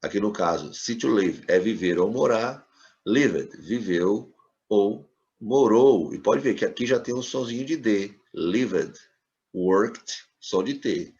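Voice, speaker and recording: A fairly low-voiced man gives a classroom lesson, patient and repetitive, checking in with his students as he goes. The sound is a bit dull and lo-fi. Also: lively intonation, a little slow, darkish tone. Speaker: English teacher.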